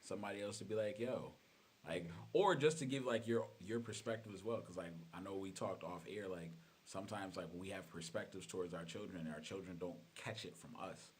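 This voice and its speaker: A man co-hosting a casual podcast, soft-spoken and reflective, using slang. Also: deep voice, a little fast, a little hiss or hum. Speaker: podcast co-host.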